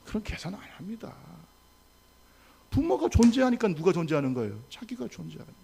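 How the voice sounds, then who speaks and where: A male pastor preaching a sermon to his congregation, with call-and-response and rhetorical questions, swinging from loud exhortation to soft asides. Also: sits high, sing-song, fairly quick, vocal fry, slight background noise. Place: church sanctuary.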